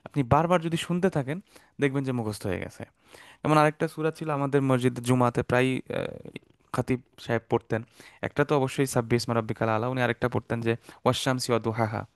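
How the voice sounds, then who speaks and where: A man's voice: mid-range voice, fairly quick, dry recording. Man teaching in a dry room. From Bangladesh. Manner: relaxed explaining with fillers and asides. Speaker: Quran Arabic teacher. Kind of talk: online class lecture.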